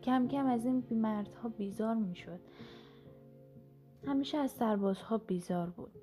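A woman reading a story aloud at a calm, steady pace as narrator. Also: fairly high pitch, faint music behind.

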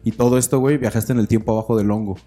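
A man's voice: lowish voice, fairly even intonation, rapid-fire, warm tone, faint music behind. A man with a Mexican accent, telling crude stories in casual chat with friends. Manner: rambling, crude slang storytelling.

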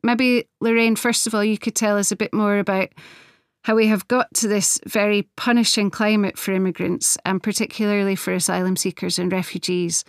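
A woman hosting a podcast, speaking in a measured, earnest way as she introduces guests and asks questions, with occasional self-corrections. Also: mid-range voice, little pitch movement, no echo, clean studio sound. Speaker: podcast host. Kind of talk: scripted podcast introduction and interviewing.

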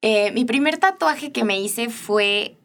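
A woman's voice: fairly high pitch, lively intonation, slow pace. Young Mexican woman telling a story. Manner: warm storytelling, laughing often. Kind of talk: casual chat.

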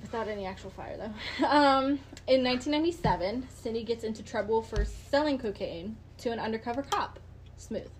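Woman narrating a true-crime podcast, slightly high. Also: brisk, slight background noise. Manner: laughing, sarcastic asides while recounting a case. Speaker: podcast host.

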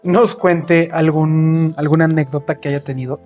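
A young man with a Mexican accent, co-hosting a casual chat with relaxed, slang-heavy banter and easy laughter. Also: a little high, normal speed, soft background music. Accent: Mexican Spanish. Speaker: podcast co-host.

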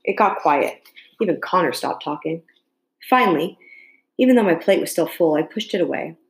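Low-voiced woman narrating an audiobook. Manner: calm, measured first-person narration. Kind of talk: audiobook reading. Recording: echoey room.

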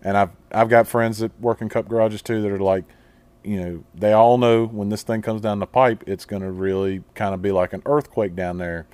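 A man hosts a podcast in a low voice. He asks long, rambling questions at an easy conversational pace. His voice sounds dry and close to the mic. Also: fairly even intonation, moderate pace, darkish tone, clean tone, dry recording. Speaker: podcast host. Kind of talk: casual interview questions.

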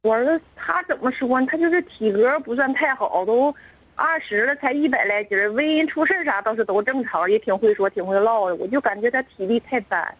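Female caller, middle-aged, Northeastern Chinese accent, quick casual delivery, dry phone-in recording. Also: fairly high pitch, fairly bright tone, no room sound, low-quality recording. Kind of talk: casual phone call seeking advice.

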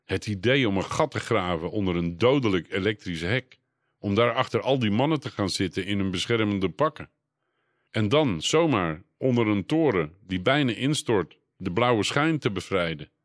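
A man voicing an eager, adventurous young boy in a storybook reading, talking in a quick, animated way close to his own voice. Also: on the low side, no echo, lightly acted. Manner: quick, animated boyish delivery.

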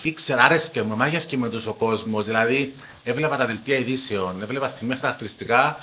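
A young man speaking Greek with a broad Paphos Cypriot accent, his voice bright and forward. He tells his career story as a podcast guest, leaning on words and swinging up and down as he goes. It sounds like relaxed, friendly conversation. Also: medium pitch, slight background noise. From Paphos, Cyprus. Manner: animated, emphatic storytelling. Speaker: TV journalist guest. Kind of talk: casual podcast interview.

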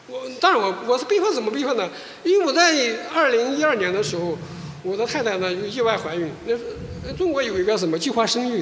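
A male pastor, sharing an animated personal testimony in a sermon, often restarting his sentences. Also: sits high, slight background noise. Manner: animated storytelling, frequent restarts. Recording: echoey church hall.

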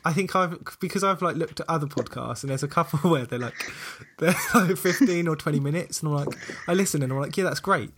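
A man from the south coast of England speaks with a southern English accent in a fairly high voice. He hosts in a casual chatty style, thinking aloud and gently putting himself down. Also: fast, hardly any pauses, background noise. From Portsmouth, south coast of England. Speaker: podcast host. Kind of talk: casual chat.

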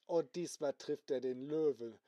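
A man improvising a bedtime story for children, gently and slowly, with sound effects along the way. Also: mid-range voice, no room sound, muffled recording.

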